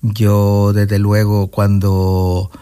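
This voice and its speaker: A man, answering interview questions in a measured, thoughtful way and pausing to find his words. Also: on the low side, monotone, mellow, smooth, no room sound, clean studio sound. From Gran Canaria, Spain. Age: 60s. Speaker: interview guest, nature reserve director. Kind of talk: casual interview conversation.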